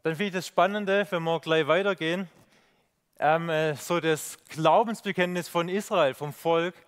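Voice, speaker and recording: A man's voice: fairly high pitch, moderate pace, clean tone. Reflective man preaching a sermon. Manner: reflective, many fillers and rhetorical questions. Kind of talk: sermon with slides.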